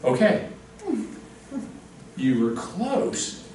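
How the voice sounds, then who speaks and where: Animated male teacher in an echoey classroom. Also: mid-range voice, drawn-out words, noisy background. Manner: animated, joking, quizzes the class. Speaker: real estate instructor. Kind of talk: classroom lecture with games. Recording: very echoey room, distant mic.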